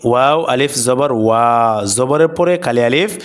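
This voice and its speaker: A man teaching Quran recitation with tajweed rules, explaining patiently and chanting the verses slowly and melodically. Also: mid-range voice. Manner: slow and deliberate, drawing out recited words melodically; patient, repeats words and asks the class questions.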